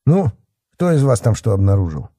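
A man's voice: on the low side, very animated, moderate pace, mellow, dry recording, studio quality, pitched above the performer's own voice. A man voicing a stern, curt middle-aged police chief who gives orders.

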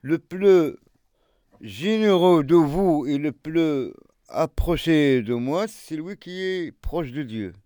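A man's voice: fairly high pitch, lively intonation, takes it slowly, warm tone, dry recording, studio quality. A man speaking French in a casual street discussion, explaining earnestly and often repeating words as he searches for them. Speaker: street interview participant, translator. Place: outdoors in a street.

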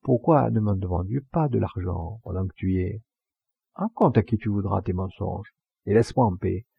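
Proud hot-headed poacher, read by a man: gravelly, husky, low, scornful bite, dull lo-fi sound. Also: normal speed, no echo, full character voice. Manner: scornful, fiery retorts.

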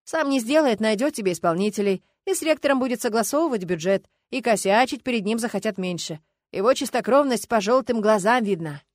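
A woman's voice: on the high side, fairly quick, no echo. A woman voicing a blunt bookish girl student. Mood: matter-of-fact. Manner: flat, matter-of-fact, dismissive. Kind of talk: audiobook character voice.

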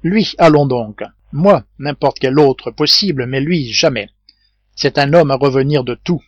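A man's voice: medium pitch, measured pace, no echo, highs cut off, natural voice. A man reading the part of a grieving, loyal male servant who pleads in a broken voice. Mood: desperate.

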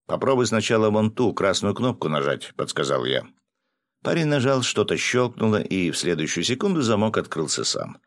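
A man narrating a first-person audiobook, brisk and telling the story with wry asides, recorded close on a studio mic. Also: low voice, dry recording.

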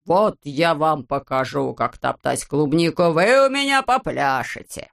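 This is a woman performing a furious male character in an audiobook: a bossy, greedy, bald landowner. Her voice is lowish, clear, and resonant as he shrieks, yells in long drawn-out words, and throws insults.

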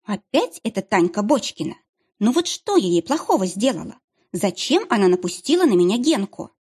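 Mocking young woman, played by a husky-voiced female reader, lots of up-and-down, sarcastic. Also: medium pitch, big pitch swings, normal speed, a little mellow. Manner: sarcastic, biting retorts.

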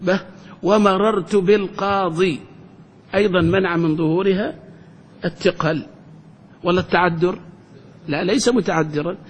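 Sheikh guy teaching grammar, quizzing the class over and over, echoey hall, bit of rumble. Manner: quizzes the class with repeated questions, drawn-out example phrases. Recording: reverberant hall with faint rumble.

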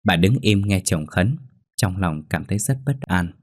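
A man narrating a scripted ghost story in a steady, measured way. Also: low voice, no echo, studio quality. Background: faint background music.

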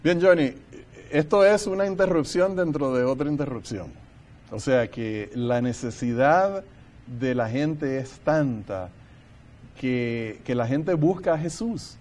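An earnest man leads a Bible study discussion, working through his thoughts aloud with frequent restarts. Between his reflections he reads scripture passages in a steady, measured way. His voice sits at an ordinary middle pitch for a man.

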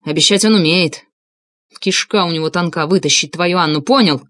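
A woman reading an audiobook, voicing a blustering middle-aged man who tries to sound menacing and gruff. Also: fairly low pitch, normal speed, fairly bright tone, no echo, natural voice. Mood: sullen.

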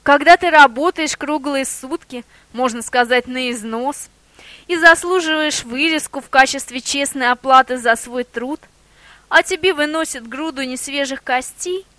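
A woman's voice: high voice, normal speed, no echo. A woman voicing a sly, persuasive boar. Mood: mocking. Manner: lively, persuasive, theatrical. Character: sly male boar in disguise, persuasive, bold.

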